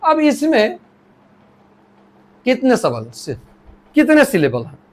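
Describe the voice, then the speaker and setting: A man teaching a grammar lesson, often repeating himself and restarting phrases, slowly dictating sentences and breaking words into pieces. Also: very high-pitched, huge pitch swings, darkish tone.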